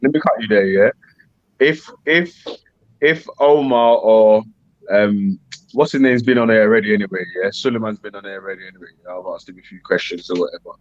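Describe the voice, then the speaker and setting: A man with a fairly low voice and a London roadman accent moderates a casual panel. He talks in slang with frequent tag questions, over dull, lo-fi but dry audio. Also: a little fast, dry recording. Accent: London street slang (roadman) English. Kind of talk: casual live panel chat.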